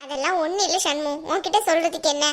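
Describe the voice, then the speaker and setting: A woman's voice: very high voice, fairly even intonation, fast, a bit bright. [name], a woman doing a weary elder sister. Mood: resigned. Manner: subdued, resigned. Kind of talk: cartoon voice acting.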